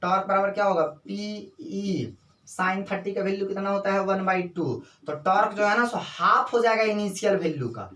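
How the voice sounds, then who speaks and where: A man teaching a physics lecture, constantly asking his students questions and answering them himself, repeating definitions slowly word by word. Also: sits high, a bit bright. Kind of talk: classroom lecture. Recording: echoey room, voice from a distance.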